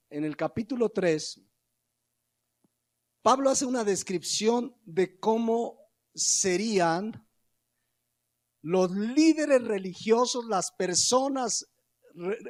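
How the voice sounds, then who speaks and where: A man with a Mexican accent preaching a sermon as pastor, conversational and often putting questions to the congregation. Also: sits high.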